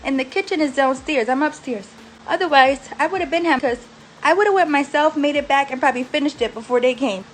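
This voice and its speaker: A woman's voice: high-pitched, brisk, a little hiss or hum, rough recording. Frustrated, blunt woman venting. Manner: blunt, profane, exasperated venting. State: post-surgery, frustrated and aggravated. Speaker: vlogger. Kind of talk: venting to camera. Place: recovery house bedroom.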